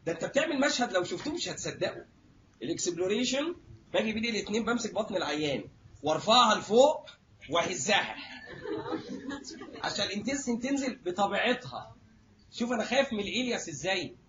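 Fast, high-voiced Egyptian man lecturing. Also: expressive, a bit bright, dull audio, a little hiss or hum. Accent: Egyptian Arabic. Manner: jokey, acts out little scenes, addresses students directly. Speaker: surgery lecturer. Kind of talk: lively classroom lecture.

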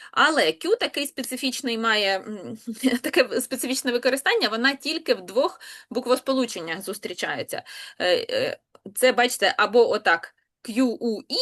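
A woman's voice: fairly high pitch, fairly bright tone. A woman language teacher explaining spelling patiently, step by step, in an online lesson.

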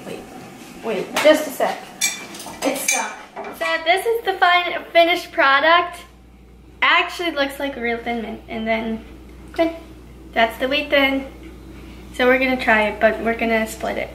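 A woman's voice: sits high, unhurried, long pauses, a bit bright, a little hiss or hum. A teenage girl walking through a recipe at home in her kitchen, chatty and loose, full of "like" and "um", recorded on a nearby camera. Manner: chatty, explains steps with many "like" and "um". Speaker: home cooking vlogger. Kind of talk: casual cooking demo. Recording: roomy kitchen with clattering dishes.

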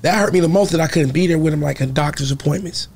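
A young man from Kansas speaks candidly into a studio mic. His voice is gravelly and husky, a bit high-pitched. He restarts his sentences as he reflects. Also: quick pace, darkish tone. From Kansas, USA. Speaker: guest artist. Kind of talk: casual interview talk. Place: podcast studio. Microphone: studio mic on boom arm.

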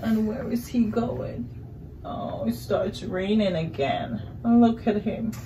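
A middle-aged woman sits on a couch in a small indoor living room, telling young children a picture-book story in improvised narration, expressively asking questions and exclaiming. She speaks slowly in a mid-range voice, with a noisy background.

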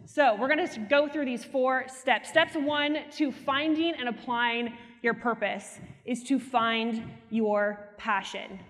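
A young woman giving an animated, teasing motivational keynote on a conference stage through a headset mic. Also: fairly high pitch, slow pace, few pauses. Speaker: keynote speaker. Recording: hall reverb from a conference stage.

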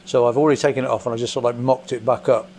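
Talking rapid-fire at medium pitch, in a level and slightly mellow tone, an English motorcycle mechanic presents a hands-on demo from his basement workshop. He explains each step of stripping the engine plainly and methodically, with small fillers as he thinks aloud. Faint extractor fan hum runs in the background, and only his hands are visible beneath the camera mic above the bench.

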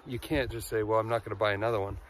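A man's voice: fairly low pitch, fairly even intonation, very fast. A man in his forties vlogging to a phone at arm's length outdoors in the woods, rambling with restarts and sounding frustrated. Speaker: family travel vlogger. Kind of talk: casual vlog talk to camera. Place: outdoors on a forest road and woods. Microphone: phone held at arm's length. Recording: noisy outdoor recording.

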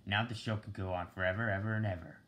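A man voicing Foxy-style hearty pirate fox animatronic, a showman speaking in a deliberate, theatrical way for fan voice lines. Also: fairly low pitch, steady tone, fairly bright tone, close to an everyday voice. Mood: theatrical, gleeful. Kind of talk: fan voice-line reading, character acting. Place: indoors, at a laptop. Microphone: handheld phone or camera filming a screen.

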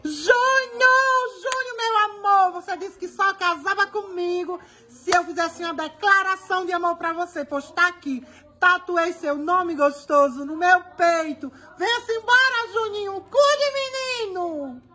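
A woman pleads in an emotional video message, her voice tearful. She speaks very high and bright, with a sharp edge. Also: a little slow.

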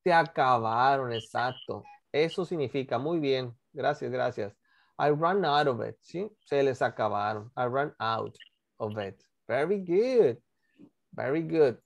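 A woman teaching English in an online class, drilling pronunciation slowly over a computer microphone. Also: very deep voice, animated, gravelly. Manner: slow, drawn-out pronunciation drilling. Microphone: computer mic on a video call.

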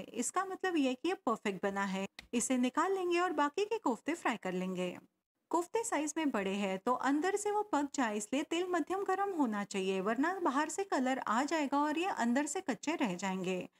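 A woman talks through a home cooking recipe. She explains step by step and adds tips along the way. Her voice is high and swings widely in pitch. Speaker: cooking channel host. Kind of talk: recipe voice-over narration.

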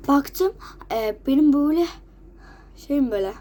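A woman's voice: sits high, animated, moderate pace, warm tone. Chatty sick teen girl with a cold. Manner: chatty, repetitive, keeps addressing friends. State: has a cold, coughing and runny nose. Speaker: vlogger. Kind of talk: casual chat to camera. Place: at home, just out of bed.

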